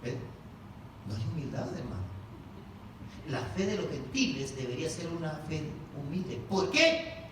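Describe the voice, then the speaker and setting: A man's voice: fairly high pitch, expressive, normal speed, pauses often, noisy background. A male pastor preaching a sermon to his congregation, firing off rhetorical questions and calling listeners "brother". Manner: addresses congregation as "hermano". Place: large church hall. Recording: echoey hall, mic at a distance.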